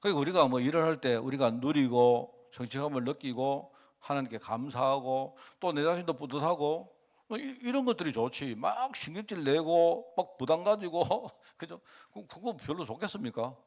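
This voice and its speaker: At normal speed, a male pastor preaches his sermon as if in conversation, repeatedly asking the congregation questions while his pitch and loudness swing vividly.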